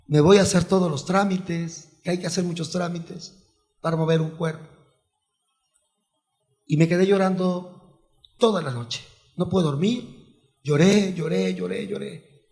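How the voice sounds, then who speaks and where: High-voiced man, hushed storytelling. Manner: soft, halting, often drops to a near hush. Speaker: psychotherapist guest. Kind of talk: personal storytelling.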